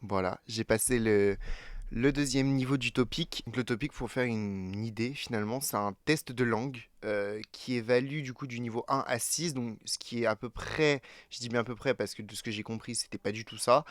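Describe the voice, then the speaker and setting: A French teenage boy in his late teens, a YouTuber, chats casually to camera with lots of fillers and self-corrections. His voice sits at medium pitch with a moderate pace and no room sound.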